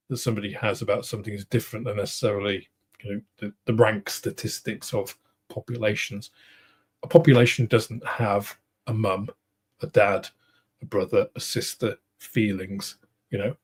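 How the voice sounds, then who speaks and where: A middle-aged man with a British accent, hosting a casual livestream, answering viewers in a rambling, thoughtful way with many pauses and restarts. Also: on the low side, darkish tone, husky. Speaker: host of a model-making livestream. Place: home studio room.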